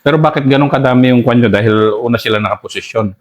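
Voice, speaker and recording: A man's voice: mid-range voice, rapid-fire. A man with a Filipino accent, a senior officer interviewing a soldier, asking short, probing follow-up questions. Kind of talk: brief questions and listening sounds.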